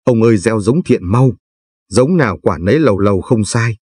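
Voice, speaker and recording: A man voicing a gentle talking tooth that softly chants advice in verse to an old man, with a husky, low voice. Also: expressive, normal speed, dry recording, studio quality. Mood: pleading. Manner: soft sing-song verse chanting.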